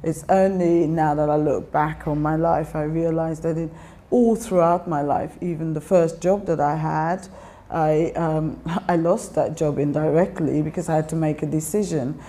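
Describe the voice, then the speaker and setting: An older woman from Guyana with a Guyanese accent, reflecting in a documentary interview, pausing and restarting often. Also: sits low, fairly even intonation, dark tone. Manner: reflective, many pauses and restarts.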